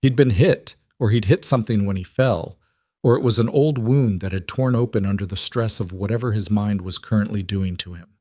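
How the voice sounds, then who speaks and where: Man, story narrator, low voice, dry close sound, measured reading. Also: mellow, dry recording.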